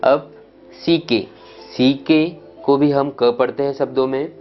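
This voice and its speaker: A man teaching English pronunciation, reading out word lists one by one and often checking "clear?" with his students. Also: mid-range voice, steady tone, unhurried, muffled recording, faint music behind. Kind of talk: pronunciation lesson.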